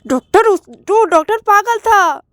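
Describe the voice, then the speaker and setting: A frantic young woman in a storybook romance, as a woman narrator puts her on, her voice pitched high and pushed loud. She stammers and trips over repeated words, too worried to sit still. The sound is dry and close, with no room around it. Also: brisk, smooth, no echo, lightly acted. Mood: agitated.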